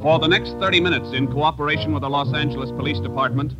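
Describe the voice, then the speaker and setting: An American man announcing a radio drama in a formal, solemn, measured 1950s style. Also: fairly high pitch, lightly acted. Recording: muffled old radio broadcast. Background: loud dramatic music.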